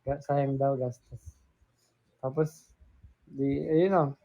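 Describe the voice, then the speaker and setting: A man's voice: medium pitch, steady tone, slow pace, dark tone. A young man from the Philippines hosting a casual live stream, telling a story with acted-out quotes, dropping English words in and laughing often.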